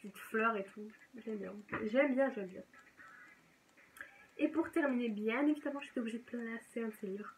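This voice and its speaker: Chatty young French-speaking woman, bright. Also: on the high side, normal speed, slight background noise, low-quality recording. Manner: chatty, enthusiastic, self-correcting. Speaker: book vlogger. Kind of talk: casual chat.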